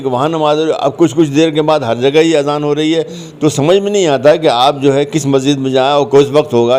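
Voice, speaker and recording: Here a male commentator appearing as an interview guest talks through his answers in a conversational way, leaning on repeated phrases for emphasis as he explains. He sounds a little mellow, with a voice on the high side.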